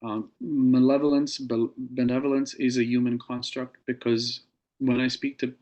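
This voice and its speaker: A man speaks as an interview guest, slowly and earnestly recounting something that happened to him. His voice stays level and flat, with little rise or fall. The audio sounds dull and lo-fi. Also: mid-range voice. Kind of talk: recounting a personal experience.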